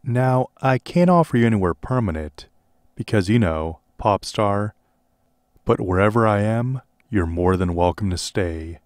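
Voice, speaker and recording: A man's voice: on the low side, expressive, measured pace, no echo, clean studio sound. A man voicing a cheerful, tender young male pop star in a storybook reading. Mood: reassuring.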